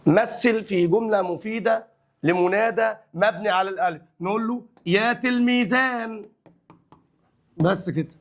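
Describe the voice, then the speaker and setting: Brisk Egyptian teacher with a high voice. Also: male voice. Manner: drawls example phrases slowly, then explains briskly in colloquial speech. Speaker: Arabic grammar teacher. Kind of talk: classroom lesson explaining grammar exercises.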